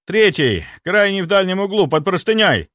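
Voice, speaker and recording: A man narrating an audiobook, voicing a frantic male inquisitor who shouts urgently. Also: high voice, big pitch swings, unhurried, no echo, studio quality, voice pushed up, exaggerated voice.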